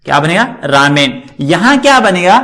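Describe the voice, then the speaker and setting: High-voiced man drilling Sanskrit forms. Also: very animated, moderate pace, pushed and bright. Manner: asks and answers his own questions; drills word endings by repetition. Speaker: Sanskrit grammar teacher. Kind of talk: classroom lecture.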